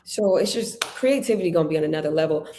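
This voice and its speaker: A woman hosting a casual faith-based business talk, telling stories in an animated way and acting out quotes. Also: deep voice, quick pace, slight background noise. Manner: animated, storytelling with acted-out quotes. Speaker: podcast host.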